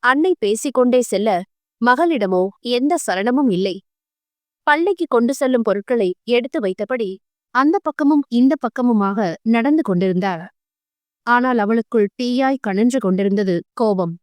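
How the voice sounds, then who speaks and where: Woman reading an audio novel, high-ish voice, dry close mic. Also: normal speed, no echo. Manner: calm, expressive storytelling. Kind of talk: scripted narration.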